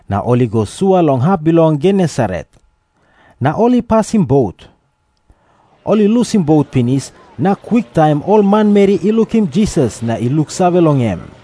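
Man, Papua New Guinean accent, scripture narration, high pitch, lively intonation. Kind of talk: scripted Bible narration in Tok Pisin.

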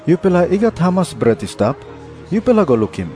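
A man with a Papua New Guinean accent playing a calm, authoritative religious teacher in a dramatised scripture reading. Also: fairly high pitch, fairly quick, soft background music. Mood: instructing.

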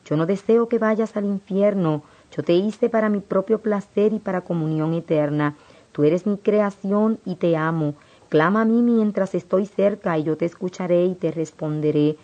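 A gentle male divine speaker, solemn and unhurried, as a woman reads his words aloud. The voice sits a little low and mellow. The recording is dull and lo-fi. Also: natural voice.

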